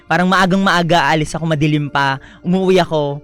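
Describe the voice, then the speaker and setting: A young man speaking as a radio guest, his voice sitting a little higher than most men's. He talks softly and politely, mixing English phrases into his story. Faint music runs underneath. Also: steady tone, a little fast, clean tone. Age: young adult. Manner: soft-spoken, polite, mixes English into his speech. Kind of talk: personal storytelling interview.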